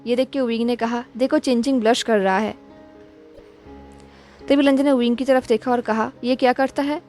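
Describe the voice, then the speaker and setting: A woman reading a fan fiction aloud as storytelling narration, at an even pace and without separate character voices. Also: fairly high pitch, moderate pace, faint music behind.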